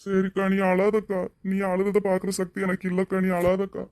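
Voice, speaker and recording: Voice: medium pitch, monotone, normal speed, a little mellow, dry recording, lightly acted. A voice actor playing a grateful young policeman and devoted younger brother in a cartoon drama, speaking in an earnest, emotional way. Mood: tearful. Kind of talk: Tamil cartoon drama voice acting.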